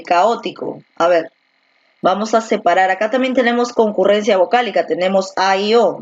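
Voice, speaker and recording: A woman teacher giving an online class, patiently repeating words slowly to show where the stress falls and asking the student questions. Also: medium pitch, a little mellow, dull audio. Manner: asks rhetorical questions to the student. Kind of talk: virtual class lesson.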